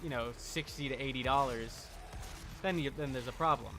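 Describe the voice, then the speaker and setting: At normal speed and medium pitch, a guy rambles through casual chat on a gaming livestream, emphatically correcting himself. There's background noise, including faint sound from the video game.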